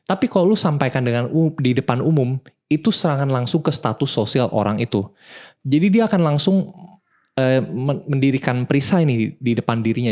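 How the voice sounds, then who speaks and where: A young man hosts a talk show podcast, giving advice in a casual, straightforward way and addressing the listener as "bro." His voice is medium-pitched and mellow.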